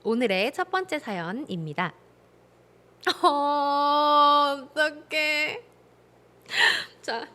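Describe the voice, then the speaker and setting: A woman hosting an advice show, reading a listener's story and reacting with indignant, animated commentary. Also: sits high, extremely slow, long pauses, faint music behind. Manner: animated, indignant, acts out dialogue. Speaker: host giving advice on listener stories. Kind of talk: casual advice talk.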